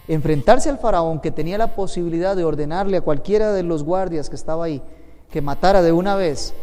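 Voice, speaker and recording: A pastor from Costa Rica with a Costa Rican Spanish accent teaches a Bible class to his congregation in a church hall, speaking emphatically and posing questions to them. His voice sits high and sounds mellow, trailed by long reverb.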